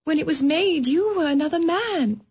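A woman playing Belle, a young woman gently and earnestly releasing her fiancé in a radio drama. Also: high-pitched, animated, moderate pace. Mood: sorrowful.

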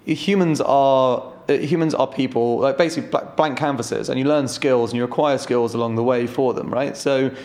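A man's voice: mid-range voice, normal speed, few pauses, darkish tone. Startup founder, male, 30s, frank and loose, casual swearing. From London. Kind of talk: casual interview chat.

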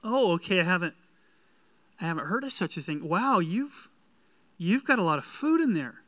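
Man acting wide-eyed, high-voiced ancient visitor. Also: sing-song, moderate pace, a bit bright, no echo. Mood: amazed, puzzled. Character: astonished, curious time-traveling visitor from ancient times. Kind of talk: sermon skit.

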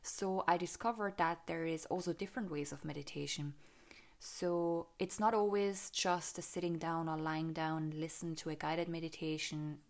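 A woman's voice: low voice, steady tone, normal speed. A woman telling a personal story in a casual, reflective way, often laughing and asking "right?". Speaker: meditation vlogger sharing her experience.

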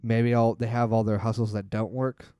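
A man's voice: fairly low pitch, flat delivery, moderate pace, dark tone, clear, resonant tone, no echo, clean studio sound. A man co-hosting a podcast, chatting casually about a movie trailer in a rambling, laid-back way full of fillers. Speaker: podcast co-host.

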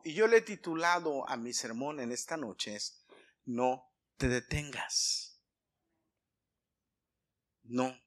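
A man preaching a sermon to his congregation, speaking with emphatic swings in volume and clearing his throat often. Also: fairly high pitch, a bit bright. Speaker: pastor.

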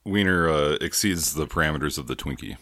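A man's voice: rumbling low, a little fast, sharp tone, dry recording, clean studio sound. A man co-hosting a casual food-tasting show, joking in a mock-formal way and talking with his mouth full. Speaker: co-host.

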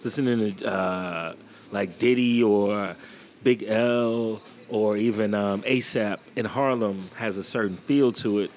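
A young man from Chicago hosting a casual chat, relaxed and opinionated, with lots of "like" and "you know.". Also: lowish voice, a little slow. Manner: relaxed, opinionated, says "like" a lot. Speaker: host.

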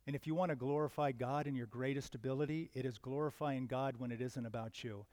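A man in his fifties preaching a sermon in an earnest, conversational way, with sudden loud emphatic swells. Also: medium pitch, fairly even intonation, fast, no room sound. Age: 50s. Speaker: pastor.

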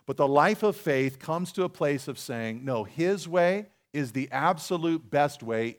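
A man with a fairly high voice preaches in a church. He talks conversationally, asks his listeners questions and reads passages aloud as he goes. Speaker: pastor. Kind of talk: sermon. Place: church sanctuary.

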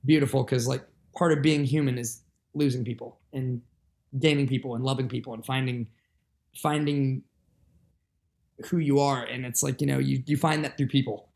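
Earnest young guest musician, gravelly fry, rambling with lots of fillers. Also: male voice, medium pitch, steady tone, moderate pace, darkish tone. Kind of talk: candid podcast conversation.

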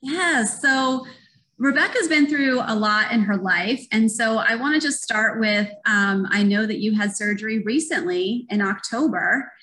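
Bright-voiced upbeat woman host. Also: a little high, a little slow. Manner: upbeat, welcoming. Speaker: podcast host and personal trainer. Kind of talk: podcast interview.

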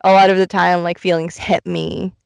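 Lowish-voiced candid woman podcasting from inside a closet. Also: level tone, moderate pace, vocal fry, smooth, no room sound. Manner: candid, introspective, rambling oversharer. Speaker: podcast host. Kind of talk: casual confessional podcast chat. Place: recorded inside a small cluttered closet, dry close sound.

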